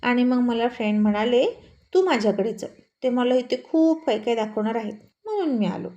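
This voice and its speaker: A woman's voice: fairly high pitch, a little fast, warm tone, muffled recording, close to an everyday voice. A woman voicing a small, bold, dutiful boy in a storybook reading, with earnest, chirpy child talk. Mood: chattering.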